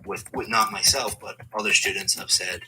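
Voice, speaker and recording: A man with a very low voice, giving patient feedback as a speaking examiner. He sounds encouraging and explains each point. Steady background noise sits behind him. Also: normal speed, low-quality recording. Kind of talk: giving spoken exam feedback.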